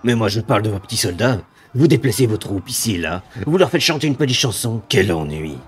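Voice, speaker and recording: A man voicing a ravenous demon from a video game, a haughty dark lord who taunts with drawn-out, mocking menace. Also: on the low side, animated, husky. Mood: scornful. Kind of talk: dramatic video game villain read aloud.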